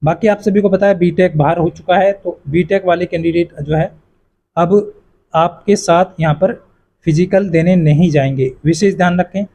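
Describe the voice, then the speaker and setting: An exam coaching YouTuber with a high, mellow voice talks at a moderate pace, casually walking students through exam cutoff scores and calling them friends. He is repetitive and reassuring, padding his speech with fillers like "yahan par" and "jo hai."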